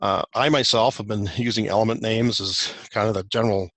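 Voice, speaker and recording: A man's voice: on the low side, fairly even intonation, fairly quick, a bit bright, no echo. A man presenting a technical guide in a recorded webinar walk-through, explaining loosely with many fillers and restarts.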